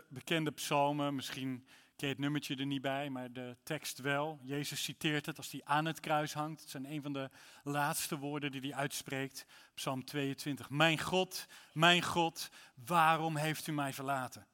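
A man's voice: medium pitch, level tone, moderate pace, a bit bright, in a large hall. A man preaching a sermon in church, reading psalms aloud with rising intensity. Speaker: pastor.

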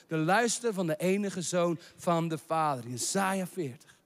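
High-voiced preacher in a reverberant hall. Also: male voice, expressive, moderate pace. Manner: rising to shouted proclamations, mixing in English phrases. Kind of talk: sermon.

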